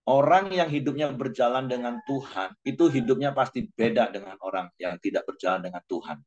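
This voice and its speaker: A man preaching a sermon in a relaxed, chatty way, talking straight to his congregation. His voice sits at an ordinary middle pitch. The recording sounds a little dull and lo-fi. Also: fairly quick. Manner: conversational preaching, informal asides, sings a worship line. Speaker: pastor.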